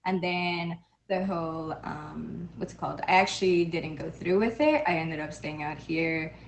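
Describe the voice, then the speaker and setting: Speaking at a moderate pace in a low voice, a Canadian woman with Portuguese as her first language is an easygoing, modest guest in a casual interview. The recording is low-quality, with a little hiss or hum.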